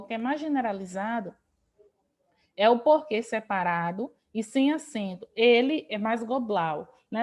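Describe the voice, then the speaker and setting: A woman's voice: on the high side, a little mellow. A Brazilian woman teacher explaining a grammar lesson over a video call, patient and repeating key points. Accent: Brazilian Portuguese.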